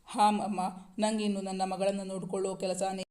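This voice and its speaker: Guy reading as a gentle young dad, higher voice, pretty flat delivery. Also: brisk, close to an everyday voice. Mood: fond. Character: young husband and new father, tender.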